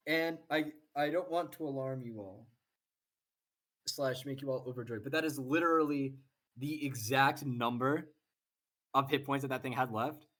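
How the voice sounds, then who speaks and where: A man narrating a tabletop game as dungeon master, pausing often with fillers as he describes the combat in vivid detail. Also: medium pitch, a bit bright.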